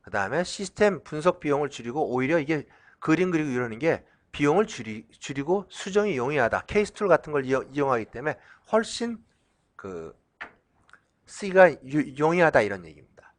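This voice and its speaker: A man's voice: on the high side, brisk. A middle-aged man lecturing as a professor, asking questions and answering them himself. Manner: drawing on the slide while talking; lively, acts out shouts in a loud voice. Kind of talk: recorded lecture.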